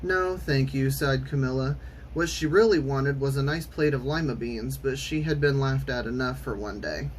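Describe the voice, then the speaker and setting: A man's voice: medium pitch, moderate pace. Theatrical man reading a storybook, noisy background. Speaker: storytime reader. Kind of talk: expressive children's storybook narration.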